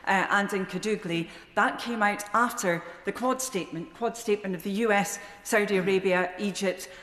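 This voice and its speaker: A woman's voice: medium pitch, normal speed, fairly bright tone. A woman speaking formally as a member of parliament in a debate. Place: large indoor debating chamber. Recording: echoey chamber with long reverb.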